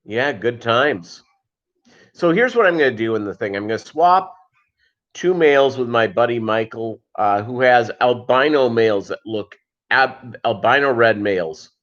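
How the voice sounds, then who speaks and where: In this casual live chat, the fishkeeping host speaks at medium pitch, expressively and at a measured pace. His tone is fairly bright though the highs are cut off, and he rambles while reading and answering viewer comments.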